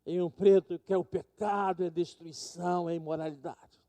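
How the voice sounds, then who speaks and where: A Brazilian man preaching a sermon in a church. His voice sits high for a man yet sounds very dark and mellow. He throws himself into the stories he tells, swinging his voice up and down as he voices the people in them. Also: fairly even intonation, brisk. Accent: Brazilian Portuguese. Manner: dramatic, acts out quoted people with big pitch swings. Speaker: pastor. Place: church sanctuary.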